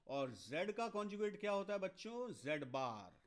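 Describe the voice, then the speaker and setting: In an online exam-prep maths lecture, a man with an Indian accent explains each step while switching between Hindi and English. His voice is high-pitched and sing-song, and he talks directly to students, answering their comments with quick chatty asides.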